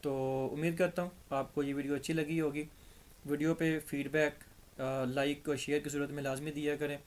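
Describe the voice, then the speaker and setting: A man's voice: a little high, little pitch movement, normal speed. A man with a Pakistani accent giving a patient, step-by-step grammar lesson, his throat a little dry. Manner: patient, step-by-step explaining, repeats examples. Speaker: English teacher.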